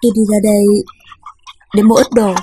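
A woman's voice: medium pitch, little pitch movement, a little fast, dark tone, slight background noise, natural voice. An actress playing a reserved young woman in a TV drama, speaking with a Southern Vietnamese accent. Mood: polite. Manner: polite, then curt. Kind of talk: TV drama acting.

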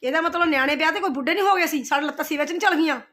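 Fast scolding woman. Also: high voice, sharp tone. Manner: scolding, confrontational, repeats herself. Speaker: vlogger replying to roasters. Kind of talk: heated direct-to-camera rant.

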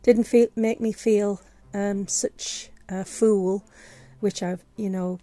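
Speaking slowly in a steady, mellow, medium-pitched voice with no echo, a woman vlogger narrates a casual screen-recorded tutorial. A sore throat has her losing her voice, and she stumbles along with lots of fillers and restarts.

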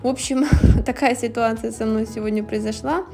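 A woman's voice: fairly high pitch, steady tone, normal speed, vocal fry, mellow, soft background music. A woman nail technician telling stories in a casual, chatty, lightly amused voice-over. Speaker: nail technician narrating a manicure video.

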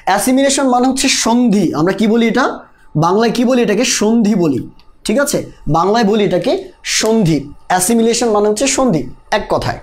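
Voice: medium pitch, lively intonation, darkish tone. Bangladeshi উচ্চারণে ইংরেজি শিক্ষক, প্রশ্ন করে পড়ান. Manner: keeps quizzing the class, repeats examples slowly and drawn out. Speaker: English teacher. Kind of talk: live online spoken-English lesson.

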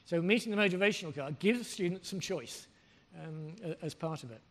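A man's voice: high voice, expressive, fairly quick. An older man giving a workshop keynote on a lapel mic, blunt and emphatic. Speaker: keynote speaker. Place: large hall with audience. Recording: long hall reverb.

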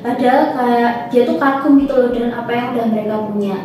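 A woman's voice: fairly high pitch, steady tone, fast, noisy background. A young woman on a book discussion panel, chatty and acting out quoted thoughts. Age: young adult. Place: small studio at a table. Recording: roomy echo from far off, music behind.

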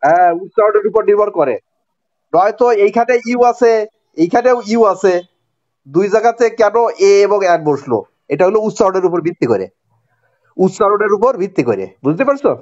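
A male teacher with a Bangladeshi accent and a fairly high voice walks students through a grammar point. He repeats each rule and keeps checking whether they follow. The recording is dry and a little muffled. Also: animated, a little fast, a little mellow, dry recording. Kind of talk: classroom grammar lesson.

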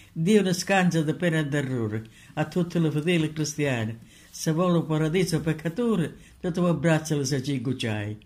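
Male, Sicilian dialect, slightly high-pitched voice, reciting devotional folk verse. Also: a little mellow.

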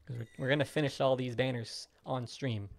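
A man gives casual gaming commentary on a live stream, chatty and thinking aloud as he plays. His voice sits at an everyday pitch for a man. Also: fairly even intonation, a little fast, vocal fry.

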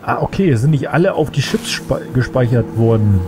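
This let's play gamer has a cold and talks casually through his gameplay, musing as he goes. He speaks a little quickly in a mid-range voice with lively intonation, and music plays in the background.

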